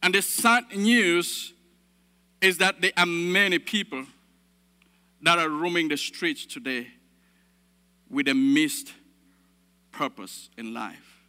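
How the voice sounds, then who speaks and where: A man from Cameroon preaches a sermon, building his points through repeated phrases and asking the room for an amen. His voice sits high for a man and rings very bright. A long reverb of a large hall trails after every phrase. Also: takes it slowly, pauses often. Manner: preaching with emphatic repetition and calls of amen. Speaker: pastor.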